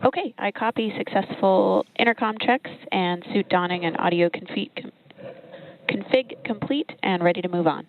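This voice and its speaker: Female controller voice, raspy-creaky, radio intercom, procedural readbacks, faint hiss. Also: mid-range voice, moderate pace. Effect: tinny radio intercom link. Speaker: mission control operator. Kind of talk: radio comm call-outs.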